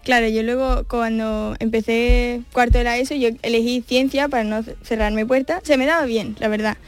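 A woman's voice: fairly high pitch, steady tone, faint music behind. A woman, a guest chatting about learning languages. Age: 20s. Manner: quick chatty with fillers. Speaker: guest, English teacher. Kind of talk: casual interview chat.

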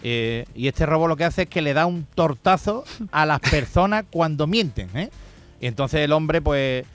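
A man, telling jokes in a lively way on a radio show and laughing at his own punchlines. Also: a little high, normal speed, faint music behind. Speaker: radio joke teller.

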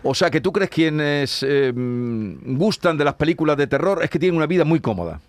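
A man hosts a relaxed panel chat in a dry, close sound. His voice sits a bit high, and he hands out turns with gentle teasing. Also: normal speed, dry recording. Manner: moderating, gently teasing, fills with "eh". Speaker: host. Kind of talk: casual group chat.

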